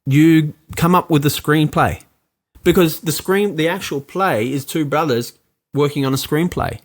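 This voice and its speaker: A man, talking casually as an interview guest, animated and full of fillers. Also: a little high, a little slow. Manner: animated, many fillers, acts out quoted lines. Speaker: actor and producer guest.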